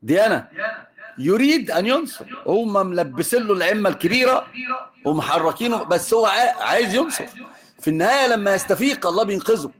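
A man's voice: high voice, sing-song, brisk. A man with an Egyptian accent giving an informal religious lesson, teasing and joking with his students as he moves between classical and colloquial speech. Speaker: religious teacher.

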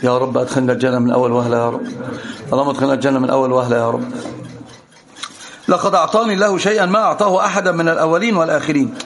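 A man giving a religious lesson to students, animated and teasing as he teaches. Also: medium pitch, racing. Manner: animated, teasing, often laughing.

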